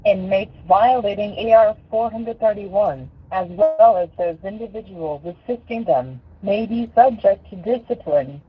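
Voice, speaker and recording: A woman's voice: medium pitch, measured pace, few pauses, faint music behind. A woman reading a formal recorded call message, heard through an automated phone system. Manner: even, formal announcement delivery. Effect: heard over a phone line. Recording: tinny phone line, faint hiss.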